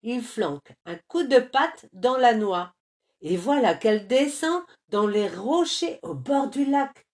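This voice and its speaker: A woman reading a children's story aloud, expressive and playful with sound words. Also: on the high side, slow.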